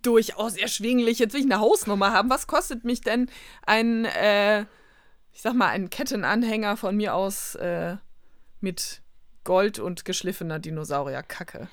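A woman's voice: medium pitch, normal speed, no room sound, clean studio sound. A woman co-hosting a science podcast in casual, playful banter, her voice scratchy from a slight cold. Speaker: podcast co-host.

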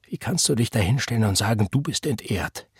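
A man's voice: on the low side, expressive, brisk, slightly rough, no echo, clean studio sound, heavily acted. A man reading the part of an angry, self-righteous preacher who speaks in an indignant, defensive and scornful way.

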